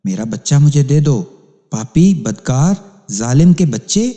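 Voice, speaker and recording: Guy doing a frantic crying mom voice, dark tone, big hall echo. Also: wildly swooping pitch. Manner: shrill wailing pleas. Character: frantic grieving young mother, woman. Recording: long hall reverb.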